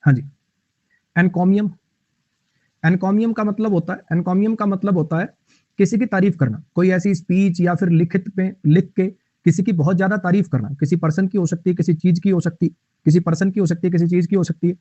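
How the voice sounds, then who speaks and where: Brief: male vocabulary teacher, high voice, dry lo-fi sound, repeats explanations. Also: steady tone, fairly quick, warm tone, dry recording. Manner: explains English words in Hindi, repeats lines, chats with viewers. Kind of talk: online class lecture.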